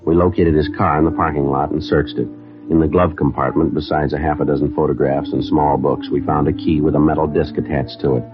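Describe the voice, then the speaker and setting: An actor playing a terse, methodical police detective in a vintage radio crime drama, deadpan and clipped. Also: male voice, a bass voice, fairly quick, over music. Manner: deadpan, clipped, matter-of-fact. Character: terse, methodical male police detective narrating his case. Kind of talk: 1950s radio crime drama narration and dialogue. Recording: muffled vintage radio recording.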